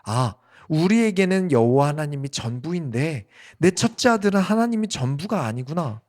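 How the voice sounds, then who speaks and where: A man's voice: on the high side, very animated, moderate pace, darkish tone, pitched above the performer's own voice. A man voicing an aging patriarch speaking earnestly to his son, as part of a sermon.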